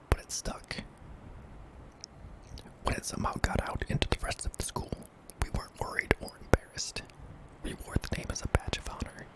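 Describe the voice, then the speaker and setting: A man narrating a scary story in a hushed, breathy ASMR whisper, deliberate and broken into short phrases. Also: rough recording. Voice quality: breathy, mostly unvoiced whisper with some creak.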